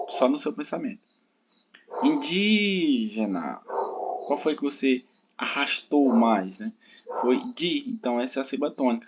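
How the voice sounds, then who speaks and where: A Brazilian man teaching an online exam-prep grammar lesson in a patient, explaining way, often checking in with his students. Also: mid-range voice. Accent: Brazilian Portuguese. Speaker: Portuguese teacher. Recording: dull lo-fi sound with steady background noise.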